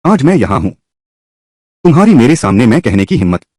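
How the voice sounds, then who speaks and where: A man's voice: mid-range voice, big pitch swings, brisk, a little mellow, no echo. A man voicing a stern, angry middle-aged father who scolds harshly in a dubbed drama. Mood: scolding.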